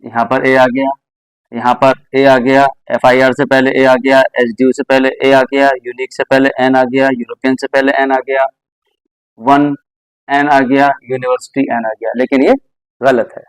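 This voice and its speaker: A man's voice: medium pitch, flat delivery, measured pace, clean tone, no echo, low-quality recording. Man patiently explaining English grammar. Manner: patient, explains step by step with repeated examples. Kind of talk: classroom grammar lesson.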